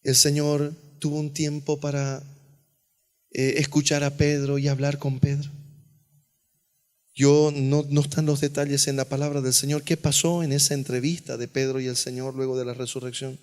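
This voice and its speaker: A male pastor preaching an earnest sermon, dropping to a hush on key phrases. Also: medium pitch, flat delivery, normal speed. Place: church sanctuary. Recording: long church reverb.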